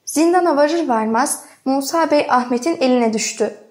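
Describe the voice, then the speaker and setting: A woman narrating a literary novel as an audiobook, reading in a measured, dramatic way. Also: high voice, darkish tone.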